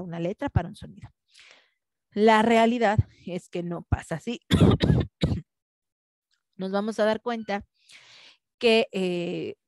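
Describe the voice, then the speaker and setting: A woman's voice: mid-range voice, darkish tone, no echo, clean studio sound. A woman teaching a class in a conversational way, often checking in with tag questions. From Mexico. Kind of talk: online class lecture.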